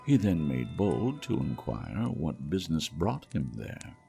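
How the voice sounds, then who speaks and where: A man reading a classic story aloud as audiobook narrator, in a slow, measured, soothing manner. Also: rumbling low, sing-song, gravelly, warm tone. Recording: faint music behind.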